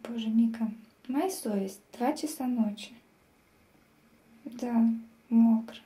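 A woman talking in a hushed voice that often drops to a whisper, fondly teasing a pet as in a casual home vlog. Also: a little high, takes it slowly. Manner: speaks softly, often dropping into a whisper at night; affectionate, teasing pet talk with diminutives. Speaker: pet owner and amateur plant vlogger. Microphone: handheld phone.

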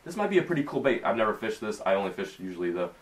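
A man's voice: lowish voice, big pitch swings, racing. A young man with a Midwestern American accent, casually chatting through a fishing tackle unboxing in his small bedroom, full of slang and fillers. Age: young adult. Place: small bedroom with a desk, indoors.

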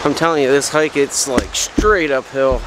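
A man's voice: mid-range voice, normal speed, background noise. A young man chatting enthusiastically to the camera as he drives and hikes to a waterfall, talking about his landscape photography. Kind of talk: casual vlog narration. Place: in a car, then outdoors by a woodland waterfall.

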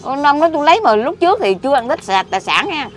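Woman, Southern Vietnamese accent, middle-aged, quick excitable rambling, loud traffic noise behind. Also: high voice. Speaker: interviewee. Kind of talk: rambling street conversation. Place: outdoors by a street.

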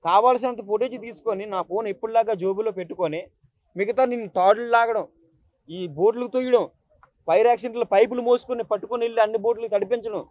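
A young man tells his story to the press in a rush of agitated, emotional words, circling back over the same points. His voice sits high and the pace is quick. The recording is dull and lo-fi, with a dry, close sound. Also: darkish tone, dry recording. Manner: agitated, repeats himself, tearful recounting. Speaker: YouTuber speaking at a press meet. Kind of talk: emotional first-person account to the press.

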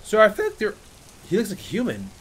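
Young man with lively, swinging intonation. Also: high-pitched, fast, a little hiss or hum, low-quality recording. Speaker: gaming host playing and reacting. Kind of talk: casual playthrough commentary.

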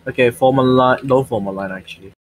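A man's voice: mid-range voice, quick pace, a little hiss or hum, poor audio. A man leading a squad in gaming voice chat, barking repeated orders and swearing a lot. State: out of breath. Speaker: squad leader giving commands.

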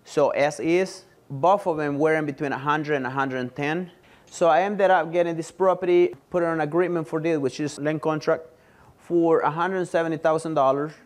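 A man in his thirties from Honduras, giving a matter-of-fact presentation in a meeting room with a lapel mic. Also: a little high. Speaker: student giving a testimonial. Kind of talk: presentation talk.

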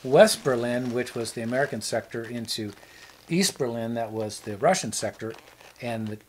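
A man's voice: mid-range voice, normal speed, a little hiss or hum, rough recording. A man co-hosting a casual chat show, rambling and joking as he talks. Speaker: show co-host.

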